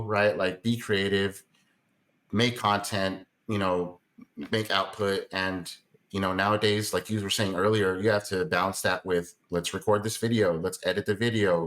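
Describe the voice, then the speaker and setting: A man's voice: lowish voice, fairly even intonation, moderate pace, fairly bright tone. A man in his late thirties chatting in a rambling, encouraging way in a casual podcast conversation. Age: late 30s.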